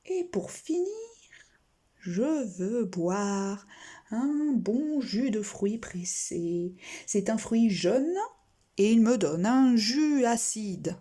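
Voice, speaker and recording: Slow, lively-voiced woman teaching reading. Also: a little high. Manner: slow, deliberate, spelling out letters and sounds. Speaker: primary school teacher. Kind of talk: recorded reading lesson.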